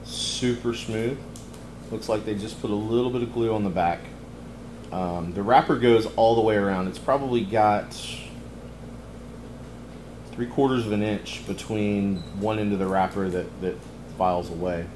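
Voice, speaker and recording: A middle-aged man, chatting casually in a cigar lounge as he reviews a cigar, relaxed and easygoing with many ums. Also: fairly low pitch, moderate pace, roomy sound, background noise. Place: cigar lounge, indoors, leather chairs.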